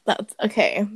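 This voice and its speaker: A young Filipino woman hosts a casual question-and-answer chat, bubbly and giggly, with lots of fillers.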